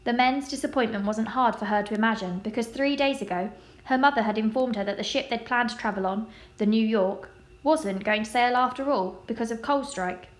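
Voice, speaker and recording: Give me a woman reading a children's story aloud, fairly high voice. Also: reverberant. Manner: measured, expressive storytelling. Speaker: storybook reader.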